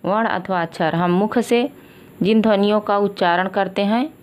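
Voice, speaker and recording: A woman's voice: mid-range voice, fairly even intonation, moderate pace, slight background noise. A woman with an Indian accent giving an exam-prep lesson, asking questions and answering them herself, repeating each point. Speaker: Sanskrit teacher.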